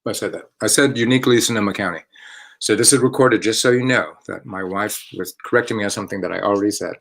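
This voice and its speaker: A man with a fairly low voice hosts a relaxed online talk from home. He wanders off track, stops to correct himself and chuckles along the way. His delivery is loose and unscripted. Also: fast, vocal fry. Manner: rambling and self-correcting, with chuckles. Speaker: artistic director hosting a theater company's online chat. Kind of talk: casual live-stream chat.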